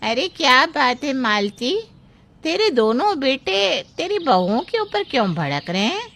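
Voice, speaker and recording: A woman voicing a loud, bossy older female relative in a cartoon, demanding and nosy. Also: high-pitched, very animated, unhurried, heavily acted. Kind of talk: cartoon voice acting.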